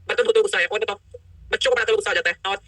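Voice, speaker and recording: A middle-aged woman leading a live online workshop, energetic and coaxing, often putting questions to the group through a laptop mic on a video call. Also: medium pitch, rapid-fire, no echo. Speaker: workshop coach.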